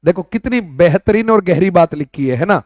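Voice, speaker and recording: A loud, emphatic young male teacher running an exam-prep class, his voice pitched very high. The sound is dry and close, with no room around it. He drills phrases and questions his students. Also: expressive, normal speed, dry recording. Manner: loud, emphatic, addresses students as beta and bhaiya.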